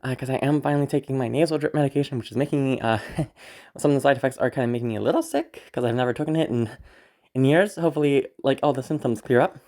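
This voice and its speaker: Fast and darkish in tone, with a medium pitch, this sick and stuffed-up audio roleplay creator chats loosely to the audience. The rambling comes out nervous and apologetic, broken by giggles and a few swear words.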